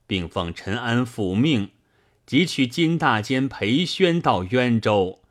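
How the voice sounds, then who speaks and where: A man voicing a grieving male rebel leader who speaks mournfully in a storybook reading. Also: lowish voice.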